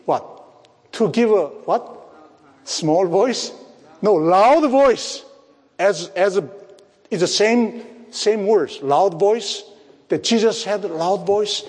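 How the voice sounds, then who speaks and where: A man preaching a sermon, speaking slowly, repeating phrases and asking his listeners rhetorical questions. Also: sits high, darkish tone. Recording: long hall reverb.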